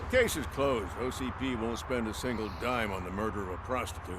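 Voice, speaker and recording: A man's voice: lowish voice, fairly quick, noisy background, close to an everyday voice. A man playing a world-weary, matter-of-fact police officer with a wry manner in a video game.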